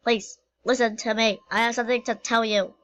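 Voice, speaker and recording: A woman's voice: on the high side, steady tone, a little fast, a bit bright, no echo, dull audio, natural voice. A woman voicing a clueless coyote pilot in an amateur animal skit, rambling and stammering through filler words. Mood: flustered.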